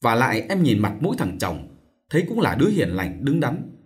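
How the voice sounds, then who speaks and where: A man voicing a gentle, persuasive middle-aged aunt who soothes and coaxes, in a storybook reading. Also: medium pitch, sing-song, fairly quick, close to an everyday voice. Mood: coaxing. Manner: soothing, coaxing.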